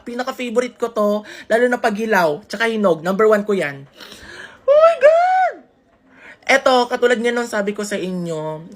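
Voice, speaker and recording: A woman chatting casually to her phone camera, gossiping and telling stories straight to her followers. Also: mid-range voice. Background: background music.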